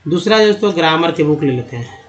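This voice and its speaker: A man runs a spoken phonics lesson, spelling letters one by one and sounding out each word. His voice sits a touch high for a man. The recording is dull and lo-fi. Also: lively intonation, fast talker. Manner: spells out letters and sounds them, addresses viewers as friends. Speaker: English reading teacher.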